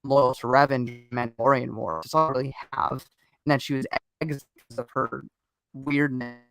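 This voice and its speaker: A man hosts a loose fan chat. His voice is smooth and clear, and it stays at a mid pitch. He rambles, restarts sentences and goes off on tangents, with faint music playing behind him. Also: little pitch movement, fairly quick, fairly bright tone, poor audio. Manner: digressive, restarts a lot. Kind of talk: casual chat.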